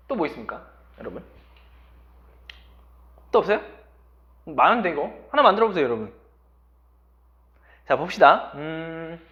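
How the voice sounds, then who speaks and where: Lively, high-voiced male language teacher. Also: highs cut off. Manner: lively, constantly quizzing students. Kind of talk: classroom lecture.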